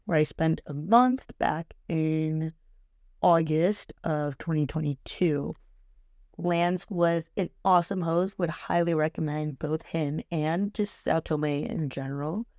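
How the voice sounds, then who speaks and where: Female podcast host, English-accented Portuguese, native English speaker, unhurried, dry close sound, halting learner phrasing, casual bilingual chat. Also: deep voice, a little mellow, dry recording.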